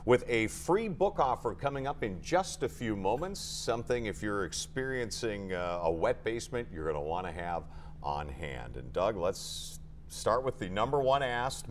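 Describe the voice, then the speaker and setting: A man's voice: on the low side, very animated, a little slow, a little hiss or hum. A middle-aged man hosting a TV studio interview, with a polished broadcast delivery. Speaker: TV talk show host. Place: TV studio set.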